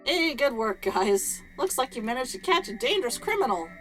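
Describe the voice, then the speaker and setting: Woman voicing a goofy, lively game cop. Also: high-pitched, moderate pace, soft background music, poor audio. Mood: smug, casual.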